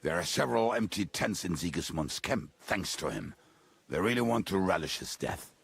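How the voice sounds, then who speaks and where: An actor playing a bitter, gruff henchman in a video game, heavily drunk, with a gravelly voice. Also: low voice, sing-song, normal speed, fairly bright tone, dry recording, full character voice. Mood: grim. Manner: blackout drunk, slack drunken speech. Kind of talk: video game dialogue acting.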